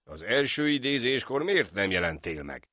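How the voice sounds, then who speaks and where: A man voicing a stern village judge in an animated folk tale, asking pointed questions in a firm manner. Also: medium pitch, no room sound, pitched above the performer's own voice. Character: stern male village judge, gruff then amused.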